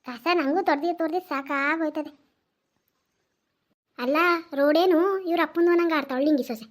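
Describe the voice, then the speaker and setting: A woman doing a shrill quarrelsome village woman. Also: fairly even intonation, brisk, close to an everyday voice. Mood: grumbling. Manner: grumbling, sharp-tongued bickering. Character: quarrelsome village woman sweeping her doorstep. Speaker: cartoon character. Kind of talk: cartoon voice acting.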